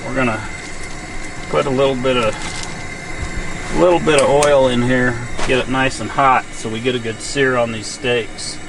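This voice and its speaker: A man's voice: medium pitch, normal speed, creaky, noisy background. A middle-aged man camping in a tent at night, casually walking viewers through cooking a steak step by step. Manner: relaxed, talks viewers through each step. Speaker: camping vlogger, dad. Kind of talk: casual how-to narration while cooking. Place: inside a small heated tent at night. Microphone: camera on the table, headlamp on.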